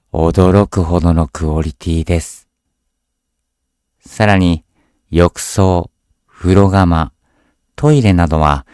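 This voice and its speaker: A man reading a scripted horror story aloud as a narrator, in a measured, deliberate storytelling delivery. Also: low-pitched, a little mellow, smooth, no echo, studio quality.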